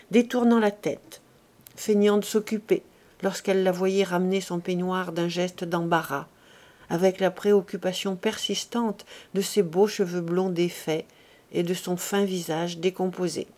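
A woman reading a classic novel aloud as an audiobook, measured and expressive. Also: medium pitch. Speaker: audiobook reader.

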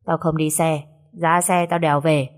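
A woman's voice: low voice, flat delivery, normal speed, lightly acted. Woman reading a curt young master. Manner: blunt, sneering.

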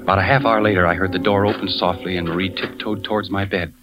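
The man's low-pitched voice is fast and fairly even, close to how he'd normally talk. As an American actor in a 1940s radio drama, he voices a suspicious, anguished husband and insurance investigator recounting his story in tense, brooding first person, on a dull recording with music.

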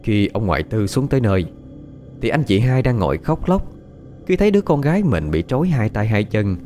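A man narrating a ghost story in a dramatic, expressive way. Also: fairly low pitch, a little fast, soft background music.

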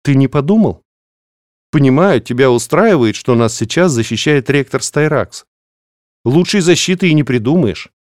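A man's voice: mid-range voice, animated, normal speed, no room sound, studio quality, voice pushed up, lightly acted. A man voicing an anxious young female student in an audiobook, pleading and upset. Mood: distressed. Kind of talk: audiobook reading.

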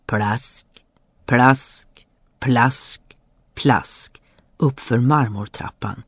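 A narrator reading a fairy tale in a measured, expressive way. The voice is gravelly and husky, set in a dry, close recording. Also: medium pitch, no echo.

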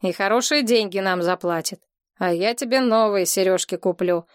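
A woman voicing a surly, bossy young male thug in an audiobook, speaking curtly and gruffly. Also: mid-range voice, moderate pace, dry recording, clean studio sound, natural voice. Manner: gruff, curt commands.

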